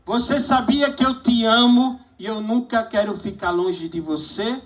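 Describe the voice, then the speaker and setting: A man's voice: high-pitched, measured pace. A preacher voicing an earnest lonely boy. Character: sensitive lonely young boy.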